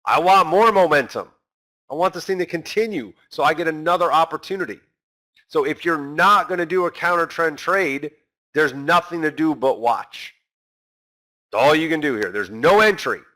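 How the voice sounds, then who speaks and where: Bright-voiced man teaching a trading lesson. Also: on the high side, moderate pace. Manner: animated, acts out a trader's inner voice; talks straight to the viewers as guys. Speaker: trading instructor.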